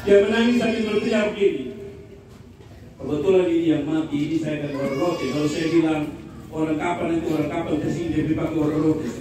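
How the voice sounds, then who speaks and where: A male pastor, telling jokes in a lively sermon and asking the congregation for amens. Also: on the high side, fast talker. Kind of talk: humorous Christmas sermon. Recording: echoey hall from far off, noisy.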